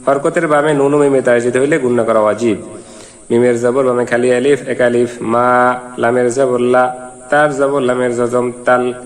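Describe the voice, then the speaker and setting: A man teaching Quran reading, spelling out syllables one by one and then chanting the verses in a drawn-out melody. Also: mid-range voice, flat delivery. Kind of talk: slow step-by-step recitation lesson. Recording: long hall reverb.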